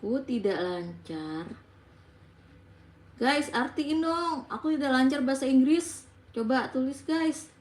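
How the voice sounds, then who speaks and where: Indonesian girl vlogging, high voice, talks slow, broken english mixed in, echoey room w faint hiss. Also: lively intonation. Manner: mixes halting English with quick Indonesian asides. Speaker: vlogger chatting with viewers. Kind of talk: casual chat.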